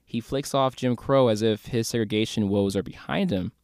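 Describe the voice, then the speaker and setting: A man co-hosting a casual TV review chat, thoughtful and analytical, often pausing with fillers. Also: mid-range voice, darkish tone, no room sound, clean studio sound. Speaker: podcast co-host.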